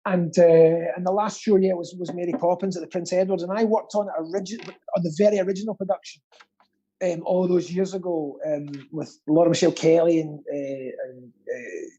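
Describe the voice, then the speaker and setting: This high-pitched man talks a little fast in a steady, mellow tone with a breathy edge, and the audio sounds dull. A pantomime actor who also works as a theatre stagehand, he chats as a guest in a rambling, earnest, self-deprecating way.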